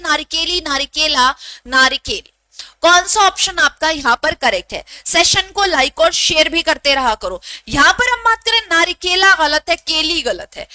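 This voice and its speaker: A Hindi teacher with a very high, bright voice leads a live online exam-prep class, moving briskly and scolding teasingly as she repeats each question. The sound is close and dry, with no room sound at all.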